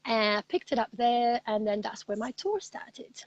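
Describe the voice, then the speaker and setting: A woman guest talking over a video call from inside her camper van, lively and chatty. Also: fairly high pitch, normal speed, dry recording, muffled recording. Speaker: interview guest, freedom coach. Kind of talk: casual chat.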